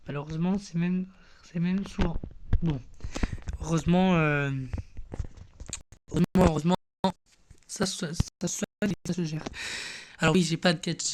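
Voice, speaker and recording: A man's voice: high voice, noisy background. A man hosting a casual gameplay video from his bedroom, rambling and self-deprecating, with lots of fillers. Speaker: gaming channel host. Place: bedroom at home.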